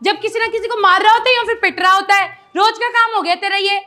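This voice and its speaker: A woman's voice: very high-pitched, steady tone, fast, sharp tone. A young woman playing a bossy, exasperated older sister in a comedy sketch. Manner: scolding, exasperated. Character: bossy older sister, bickering with her brother. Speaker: vlogger.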